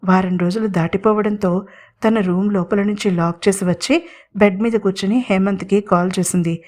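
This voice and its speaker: A woman narrating a romantic audio serial in a steady, expressive storytelling voice. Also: mid-range voice, normal speed.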